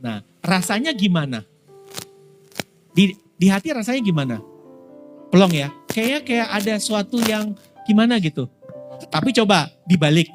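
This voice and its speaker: A man, preaching as a pastor in a relaxed, conversational way and often asking his congregation questions. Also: sits high, unhurried, pauses often, soft background music. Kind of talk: sermon. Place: prayer room in a mall.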